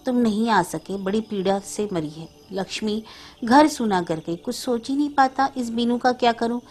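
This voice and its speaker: A woman's voice: a little high, normal speed, darkish tone, natural voice. A woman voicing a stern, weary widowed elder brother, speaking in a heavy, burdened way.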